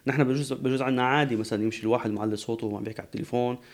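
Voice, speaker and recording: A man's voice: mid-range voice, steady tone, very fast. A man, a guest expert on a talk show, explaining at length with frequent restarts.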